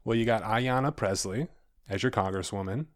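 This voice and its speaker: A man's voice: on the low side, normal speed. A man co-hosting a podcast in casual chat, laid-back and swearing casually. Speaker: podcast co-host.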